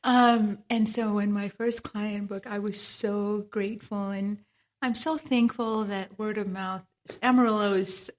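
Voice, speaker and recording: This medical esthetician from Trinidad, guesting on a podcast, talks a little slowly in a steady, mid-range voice. Her Trinidadian accent comes through as she reflects and frequently breaks into laughter.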